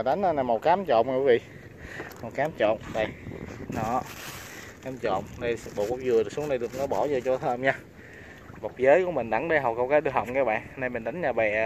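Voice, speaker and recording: Excitable Southern Vietnamese fishing vlogger. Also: male voice, medium pitch, slight background noise. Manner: bursts into loud exclamations when landing fish. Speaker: fishing channel host. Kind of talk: excited fishing vlog commentary. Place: on a floating raft on a river outdoors.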